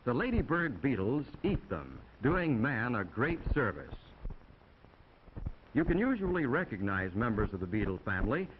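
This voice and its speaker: A mid-pitched American narrator reads a script for a 1950s-style classroom film at normal speed, his voice very animated and rising and falling expressively. Addressing young viewers, he explains in a folksy, chatty tone. Faint noise sits under the muffled, dull 1950 optical soundtrack.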